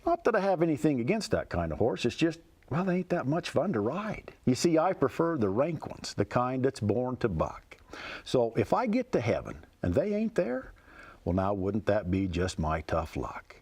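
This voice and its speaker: A man's voice: mid-range voice, wildly swooping pitch, normal speed, a little mellow, slightly rough. A man recites cowboy poetry in a folksy, rhythmic, storytelling way. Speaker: cowboy poet.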